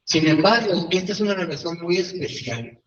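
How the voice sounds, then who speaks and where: A man's voice: on the high side, lively intonation, normal speed. A man leading a religious retreat, talking conversationally and often checking in with his listeners. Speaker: retreat leader. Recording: roomy, distant and dull-sounding.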